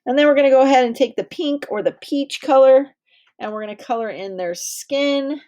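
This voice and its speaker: A woman's voice: high voice, brisk, warm tone, slight background noise. A woman teacher in her thirties leading a drawing lesson for small children, patient and encouraging. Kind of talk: directed drawing lesson for young kids.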